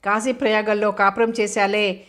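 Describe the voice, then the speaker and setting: A playful, talkative young woman lecturer who teases and tosses English phrases into her banter, read by a woman narrator. The delivery stays even and flat in pitch, at a middle height. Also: lightly acted. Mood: teasing. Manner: rapid, teasing banter mixed with English phrases.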